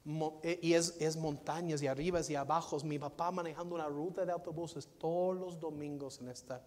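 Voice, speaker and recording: High-voiced preacher in a reverberant hall. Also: male voice. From United States. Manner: dynamic preaching, swings from soft to loud, repeats phrases. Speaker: pastor. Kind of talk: sermon. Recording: long reverb of a large hall.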